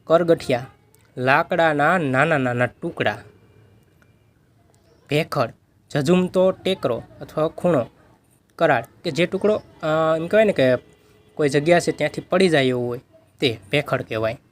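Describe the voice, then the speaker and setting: A man, working as a tutor, reading vocabulary words and their meanings aloud in a steady list. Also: on the high side, unhurried, long pauses.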